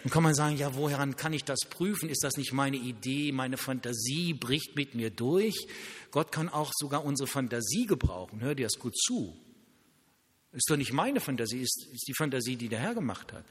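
A male pastor preaching a sermon, telling lively stories and acting out quoted dialogue. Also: mid-range voice, moderate pace, husky, in a large hall.

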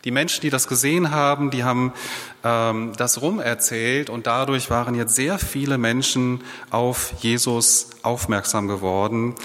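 A man's voice: mid-range voice, fairly bright tone. Man preaching in a reverberant hall. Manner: conversational preaching with rhetorical questions. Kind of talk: sermon. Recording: long reverb of a large hall.

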